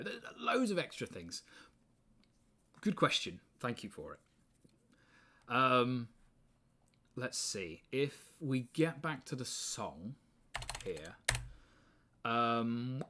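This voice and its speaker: A man's voice: medium pitch, sharp tone. A man in his twenties with an English accent, hosting a live stream in casual chat, rambling, swearing freely and laughing often. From England. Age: 20s.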